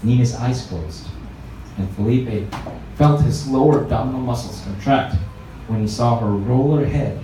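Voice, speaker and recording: This book reader's mid-range voice is mellow and unhurried as he expressively narrates a story at a live reading event. The reverberant room, distant microphone, and faint noise color the recording.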